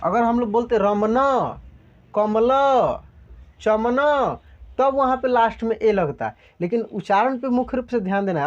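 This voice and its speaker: Patient man spelling out sounds slowly, lo-fi. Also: sits high, a little mellow. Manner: patient, slow step-by-step spelling out. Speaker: teacher. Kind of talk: spelling lesson. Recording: dull lo-fi sound.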